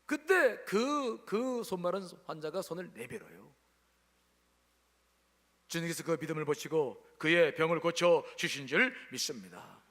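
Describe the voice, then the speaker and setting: A man's voice: a little high, lively intonation, unhurried, a bit bright, big-room sound. A male pastor preaching a sermon at a church service, speaking emphatically and calling on the congregation to answer aloud.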